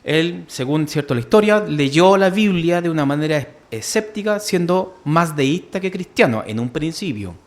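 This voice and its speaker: A man's voice: fairly high pitch, expressive, normal speed, few pauses. A man with a Chilean Spanish accent teaching a church history class, full of fillers, who keeps asking "¿cierto?" and calls his listeners "hermano". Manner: many fillers, asks "¿cierto?" often, addresses listeners as "hermano".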